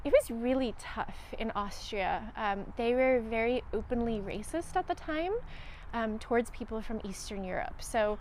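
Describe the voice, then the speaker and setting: A woman's voice: on the high side, normal speed, a little hiss or hum. A woman from Romania, a researcher and teacher, telling her life story as an interview guest in an earnest, reflective way with frequent "um"s.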